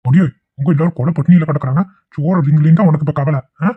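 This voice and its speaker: Male actor for a hot-tempered rural cartoon husband with a Kongu Tamil accent, talking fast and a little high. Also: husky, no room sound. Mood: angry. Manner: shouting, nagging. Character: angry young village husband, scolding. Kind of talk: cartoon voice acting. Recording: tinny lo-fi phone-like audio.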